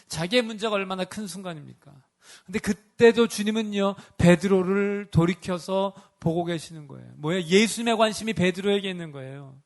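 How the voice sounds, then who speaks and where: Male pastor, fairly high gravelly voice, emphatic preaching with rhetorical questions. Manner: acts out scripture figures in his own voice. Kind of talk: sermon.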